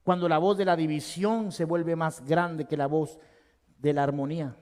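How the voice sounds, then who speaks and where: A male pastor preaching a sermon with passion, swinging from loud emphasis to hushed tones. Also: on the high side, steady tone, moderate pace. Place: church sanctuary. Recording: long hall reverb.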